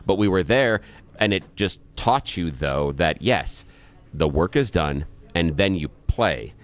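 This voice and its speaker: A man's voice: low voice, lively intonation, measured pace. A man hosting a radio show, chatting casually and telling personal anecdotes in a conversational, reflective way. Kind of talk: casual chat.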